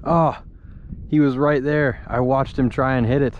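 Out on a shallow open bay, a young adult fishing vlogger gives relaxed commentary to an action camera worn or held near him. The lo-fi audio carries heavy wind and water noise over his mid-range voice, which is fairly even and measured in pace.

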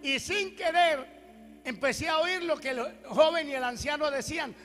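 High-voiced preacher, animated testimony. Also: male voice, a little slow, big-room sound. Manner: animated storytelling, swinging from loud declarations to hushed prayers. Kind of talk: testimony sermon.

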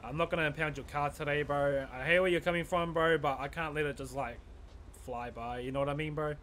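A man's voice: a little high, steady tone, brisk, a bit bright, slight background noise. A man with a broad New Zealand accent chatting casually in a police role-play game, sweary and matey, full of slang. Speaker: streamer playing a police officer.

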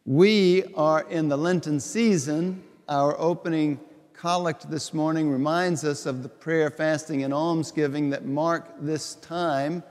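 A middle-aged bishop preaches a homily, his voice a little high and his delivery unhurried. He builds his points through repetition, and the words ring out with a long reverb from a large church. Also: steady tone, a little mellow. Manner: slow, deliberate, conversational preaching with repeated phrases. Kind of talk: homily at Mass. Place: large church sanctuary before the altar.

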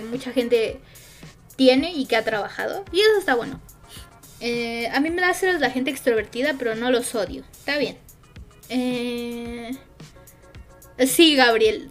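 A young woman, a streamer chatting casually with her viewers and answering chat, with lots of fillers. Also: fairly high pitch. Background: faint music.

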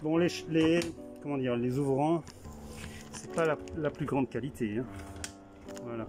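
A man casually tours a small camper van at a trade show, thinking aloud in a walkthrough full of fillers and restarts, filmed on a handheld camera. He has a medium-pitched voice and a measured pace. Music plays behind him.

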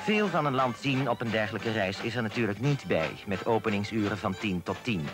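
Low male documentary narrator, measured and formal, loud music behind. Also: animated. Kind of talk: scripted voice-over narration.

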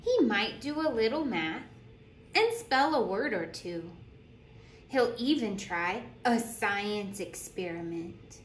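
Slow, lively woman reading to children. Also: mid-range voice. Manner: deliberate storytelling with questions to young listeners. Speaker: teacher reading aloud to children. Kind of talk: children's picture book read-aloud. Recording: roomy echo with clear background noise.

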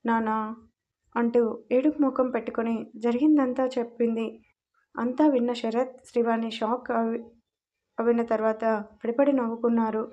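A woman reading a story aloud in a lively, expressive narration. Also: on the high side, normal speed, dull audio.

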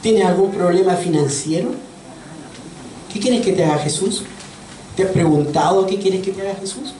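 In a church sanctuary, a man preaches a sermon in a high-pitched, mellow voice at a moderate pace, earnestly asking his congregation questions. The audio is echoey and distant, with faint noise.

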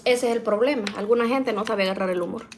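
Middle-aged woman, home kitchen vlogger, chatty and folksy, slightly high voice. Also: quick pace, background noise. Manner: chatty, addresses viewers as "niñas", frequent "¿verdad?" tags. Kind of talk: casual chat while cooking.

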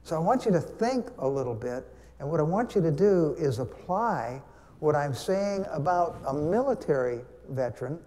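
An older man, a veteran, stands before the pulpit of a large church sanctuary to give a Veterans Day talk, conversational and teacherly, asking the congregation questions as he goes. His fairly high, dark-toned voice swings widely in pitch at a moderate pace, with long hall reverb.

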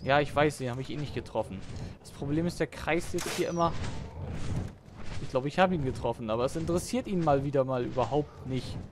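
A man's voice: medium pitch, brisk, background noise. A man giving gameplay commentary, exasperated, swearing at the game and calling to the creatures on screen. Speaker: let's play gamer. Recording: game music loud behind voice. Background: game music.

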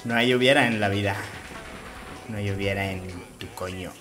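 A man with a Mexican Spanish accent giving live gameplay commentary as a streamer, jokey and profane, with sudden excited outbursts. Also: fairly low pitch, normal speed, over music. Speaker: gaming streamer.

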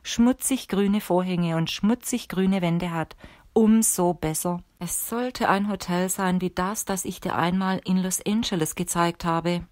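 A woman reading the lines of a calm, stern old male sorcerer teacher in a measured, instructive way for an audiobook. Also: lowish voice, no echo, natural voice.

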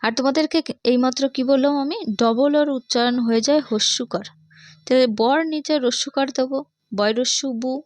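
Bangladeshi woman, patient teacher of young kids, higher voice, dry close recording. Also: fairly quick, no room sound. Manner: patient, repeats each point and asks the class questions. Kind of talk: explaining an English reading lesson to young children.

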